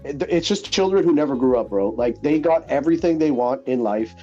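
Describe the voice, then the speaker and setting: A man's voice: mid-range voice, animated, a little fast, music in the background. A man hosting a gaming livestream, talking bluntly with lots of swearing and laughter. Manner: blunt, profane, laughing rants. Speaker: livestream host. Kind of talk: casual gaming chat. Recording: dull lo-fi stream audio.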